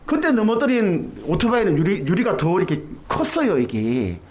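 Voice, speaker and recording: Man, middle-aged pastor, very high voice, lively swooping pitch, storytelling sermon. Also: normal speed. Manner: animated storytelling, acts out quoted voices.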